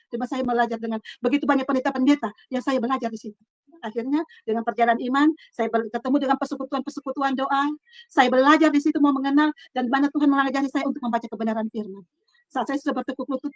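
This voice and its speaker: A middle-aged woman gives an earnest personal testimony in her own room, her voice high and her words rushing. She halts and restarts often and swings between hushed and loud passages, recorded dry and close. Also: fairly even intonation, dry recording. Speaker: testimony speaker.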